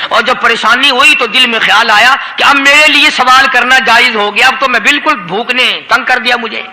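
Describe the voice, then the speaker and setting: A man's voice: very high voice, poor audio. A man with a Pakistani Urdu accent preaching an Islamic sermon, telling a story with impassioned, rising delivery. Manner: impassioned, rising to loud emotional peaks.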